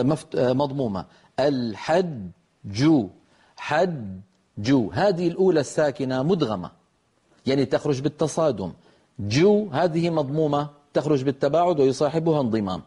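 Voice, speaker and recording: A man teaching Quran recitation rules in a televised lesson, explaining step by step in a measured way and slowly demonstrating the pronunciation. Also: medium pitch, warm tone, husky.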